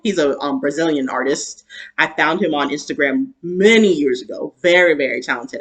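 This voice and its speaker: Tipsy, giggly woman with swinging pitch. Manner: tipsy, loose rambling talk; giggly, breaks often into laughter. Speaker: book club co-host. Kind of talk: casual book review chat.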